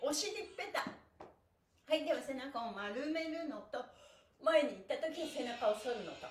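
A high-pitched, cheerful woman instructs a live stretching class from a mat in a small indoor room with a bare wall. She exercises as she talks, chanting counts, encouraging the group and laughing often. A camera a few metres away picks her up, so the sound is distant with a roomy echo.

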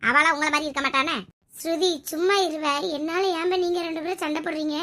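High bright girl performing a homemade family skit, playing every part. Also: fairly even intonation, fast talker.

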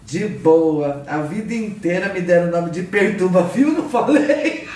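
A woman's voice: lowish voice, moderate pace, dark tone. A Brazilian woman teaching a painting craft on a live stream, greeting viewers by name as she instructs. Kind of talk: casual live craft lesson. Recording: roomy sound from a distant mic, faint noise.

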